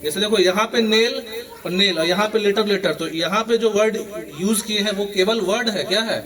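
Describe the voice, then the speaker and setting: A man's voice: sits high, normal speed. A male schoolteacher, leading a morning assembly lesson and quizzing students for chorus answers. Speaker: school teacher. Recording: children's crowd audible behind.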